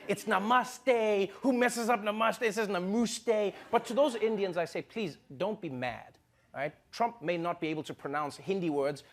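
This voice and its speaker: A man hosting a comedy show, delivering a joking, animated monologue. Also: high voice. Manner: joking, animated, breaks into impressions. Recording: studio audience laughter and noise.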